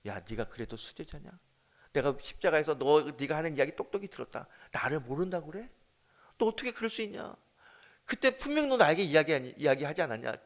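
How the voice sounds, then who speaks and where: A man's voice: fairly high pitch, big pitch swings, a little fast. A man preaching in the voice of a master who sternly questions a disciple who betrayed him. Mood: reproachful. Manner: reproachful questioning. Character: risen master, a grown man confronting his student.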